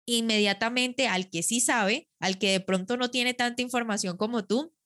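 A woman's voice: a little high, fairly even intonation, moderate pace, a bit bright. A woman hosting an interview, asking long, enthusiastic, winding questions. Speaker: interview host. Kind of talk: conversational interview.

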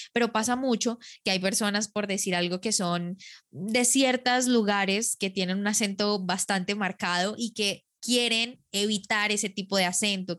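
A woman hosting an interview in a medium-pitched voice. She talks enthusiastically and lets her questions run long and winding. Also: fairly bright tone. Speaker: interview host. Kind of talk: conversational interview.

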